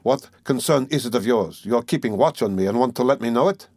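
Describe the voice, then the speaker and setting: A man's voice: medium pitch, quick pace, a little mellow, dry recording, close to an everyday voice. A man voicing a feverish, suspicious young man who speaks in a tense, accusing way, in an audiobook reading. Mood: defiant.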